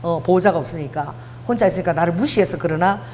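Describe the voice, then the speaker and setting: Speaking fast with a lowish, darkish voice, a middle-aged woman pastor delivers a conversational sermon in a church prayer hall. She shares personal stories, acts out dialogue and blends casual and polite speech; long hall reverb and faint hum are audible.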